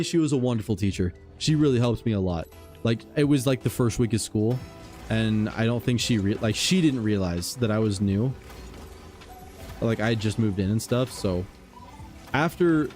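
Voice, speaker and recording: Mellow-voiced man chatting casually on stream. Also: fairly low pitch. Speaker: gaming livestreamer. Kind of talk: casual stream chat, telling stories to viewers.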